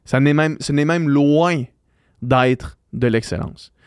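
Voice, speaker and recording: Québécois podcast host, man in his 30s, clear resonant voice, dry close mic, reflective and chatty. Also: on the high side, slow, no room sound. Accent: Québécois French. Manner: reflective, explaining with frequent restarts and fillers. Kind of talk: casual monologue.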